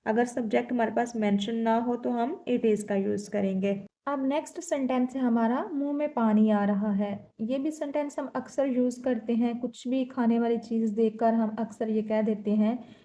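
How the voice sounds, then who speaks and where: Female language teacher, patient explainer, mellow and fairly high voice, slow deliberate example reading. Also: steady tone. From South Asia. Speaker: English teacher.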